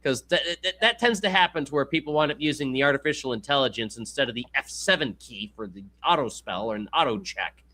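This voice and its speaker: Lively bright-voiced male stream host. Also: medium pitch, quick pace. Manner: jokey, laughs often, rambling restarts. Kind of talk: casual stream chat, reading an article aloud.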